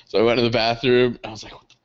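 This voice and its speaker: A young man, the podcast co-host, telling a story in casual chat, animated and swearing freely, laughing often. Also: mid-range voice, fast talker, smooth. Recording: dull lo-fi podcast audio.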